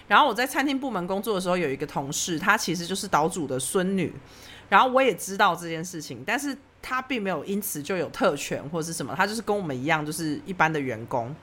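Lively fast-talking woman telling a story. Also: fairly low pitch. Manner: animated storytelling, acting out her own past lines. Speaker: podcast host telling a story. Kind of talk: casual chat.

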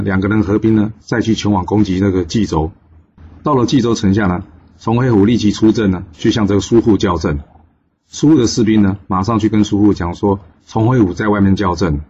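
A man's voice: on the low side, mellow, slightly rough, highs cut off. A man telling a classic tale in a casual, chatty storytelling manner with many fillers. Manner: chatty, filler-heavy narration.

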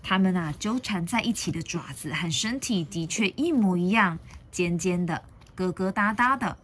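A woman reading a picture book aloud as storyteller, expressive and pausing to ask listeners questions. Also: on the low side, breathy edge.

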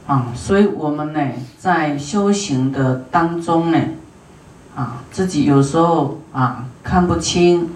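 A woman Buddhist teacher giving an unhurried dharma lecture to an audience, filling pauses with drawn-out "ah" sounds and putting questions to her listeners. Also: deep voice, darkish tone. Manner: unhurried, with many drawn-out "ah" fillers; asks the audience questions and to raise hands. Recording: roomy hall sound, voice from a distance.

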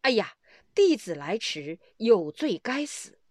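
Brief: a desperate young man, voiced by a woman storyteller, humble and pleading, with a lively pitch. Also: slow pace, no echo, clean studio sound.

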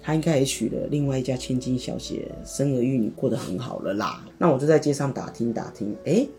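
Rapid speech, animated storytelling, quoted dialogue, faint guitar music behind. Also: medium pitch. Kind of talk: casual chat, dramatic storytelling.

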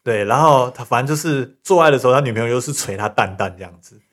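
A man tells a story at a brisk, hurried clip. He is co-hosting a relaxed podcast chat. He laughs easily and trails off his sentences casually. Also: mid-range voice. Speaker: podcast co-host.

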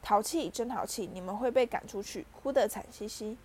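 A woman's voice: medium pitch, normal speed, darkish tone, slight background noise, close to an everyday voice. Woman voicing a taunting sing-song poltergeist. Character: mischievous cackling male poltergeist.

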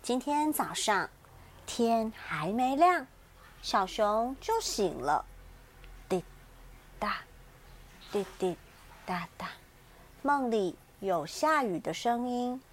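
Slow, gentle high-voiced storytelling mother. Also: sing-song, slight background noise. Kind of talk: children's bedtime story reading.

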